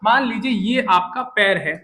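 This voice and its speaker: A man's voice: sits high, animated, moderate pace, bright, forceful tone. A young man teaching English words in a casual, joking lesson, often asking questions and answering them himself. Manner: chatty, jokey, asks and answers his own questions.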